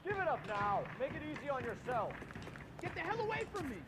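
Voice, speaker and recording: Combative high-pitched man, music behind. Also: sing-song, a little fast. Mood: aggressive. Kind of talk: dramatic video game acting. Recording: loud music and street sounds behind.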